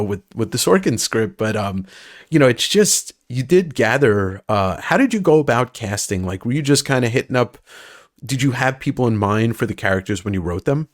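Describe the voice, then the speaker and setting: A man hosts a casual podcast conversation, feeling his way into questions with fillers and restarts. His voice sits at an ordinary pitch. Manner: brief backchannels, halting questions. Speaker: podcast host. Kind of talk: casual interview chat.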